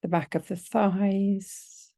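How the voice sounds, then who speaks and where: A woman leads a yoga nidra session, guiding relaxation gently and soothingly at an unhurried pace with long pauses. Her mid-range voice is steady and creaky, and the recording is dry.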